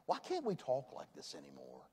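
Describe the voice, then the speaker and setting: A man, preaching a sermon in a church. He swings from loud emphasis to hushed tones. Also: medium pitch, huge pitch swings, moderate pace, husky. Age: 40s. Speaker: pastor. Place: church sanctuary.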